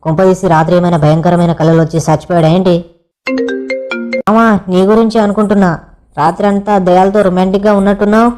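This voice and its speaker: A young man performs a village comedy skit full of cheeky, crude banter. He talks fast in a fairly flat tone. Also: sits high, soft background music.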